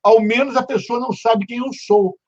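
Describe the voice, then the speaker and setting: A Brazilian man hosting a casual interview chat, playful, with loud acted-out quotes and stammered restarts. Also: very high voice, fairly even intonation, moderate pace, lo-fi sound. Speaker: host.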